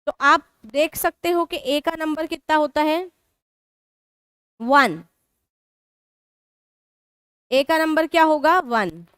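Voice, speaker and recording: A woman's voice: high-pitched, slow, pauses often, a bit bright, no echo, clean studio sound. A woman teaching a live online exam-prep class, mixing in English terms and asking students questions she answers herself. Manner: mixes Hindi with English terms.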